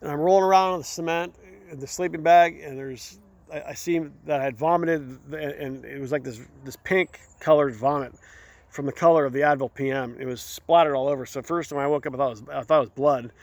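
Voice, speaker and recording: A man hosting his own show, telling a candid personal story in a rambling, halting way, often repeating words. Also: on the high side. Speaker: show host.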